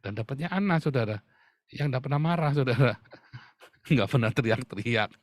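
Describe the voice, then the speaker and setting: A man's voice: mid-range voice, moderate pace, dry recording. Guy preaching, keeps saying brothers and sisters, jokey, dry close sound. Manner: addresses the congregation as "Saudara" often, with humor and laughs. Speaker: pastor. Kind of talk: sermon.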